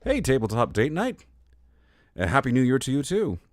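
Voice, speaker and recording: This tired-sounding streamer speaks at a normal speed in a medium-pitched voice that swings wildly in pitch. Hosting a casual livestream, he reads lore aloud and chats, laughing often and wandering off on tangents.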